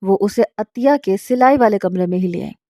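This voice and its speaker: A woman narrating a family story in a calm, even way. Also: medium pitch, normal speed, no echo, clean studio sound.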